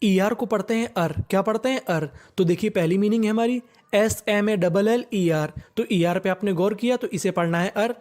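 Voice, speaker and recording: A man teaching English phonics in a lesson. He spells each word out slowly, says it twice in a lower voice, and asks the class short questions that he answers himself. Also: a little mellow.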